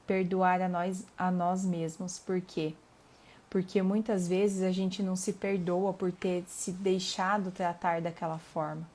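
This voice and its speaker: A middle-aged woman with a Brazilian accent, hosting a reflective live talk on emotions and reading passages aloud in a calm, earnest way. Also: mid-range voice. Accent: Brazilian Portuguese. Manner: calm and earnest, pausing with fillers, asking the listener questions.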